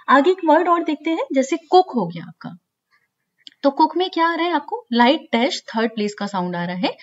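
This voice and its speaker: A woman's voice: fairly high pitch, lo-fi sound. A woman teaching a shorthand lesson online. She explains step by step and often repeats key points.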